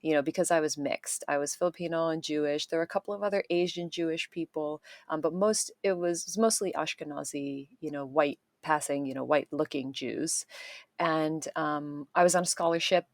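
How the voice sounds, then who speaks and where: A woman in her thirties, raised in Chicago, speaking as an interview guest, thoughtful and pausing often as she restarts sentences. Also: sits low, no echo. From Chicago, United States. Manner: thoughtful, many pauses and restarts. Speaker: guest, artist and activist. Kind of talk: interview conversation. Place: home in Japan, remote call.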